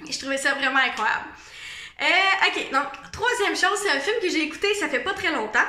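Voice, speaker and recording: A young woman with a Quebec French accent, chatting casually to camera with lots of fillers and animated asides. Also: high-pitched, a little fast. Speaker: vlogger. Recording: echoey room.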